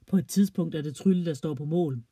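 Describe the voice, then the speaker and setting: A storyteller reading a children's story aloud in a plain, even way. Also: medium pitch, breathy edge, no echo.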